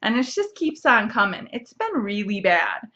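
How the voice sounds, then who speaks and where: A woman's voice: medium pitch, sing-song, moderate pace, sharp tone, dull audio. A young woman hosting a casual knitting podcast, chatty and bubbly, with lots of fillers and restarts. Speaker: podcast host. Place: home, seated at a computer.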